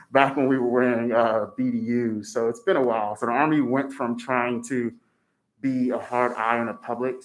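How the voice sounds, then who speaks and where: Plainspoken soldier, respectful man. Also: medium pitch. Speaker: public testifier, soldier. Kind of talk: public testimony.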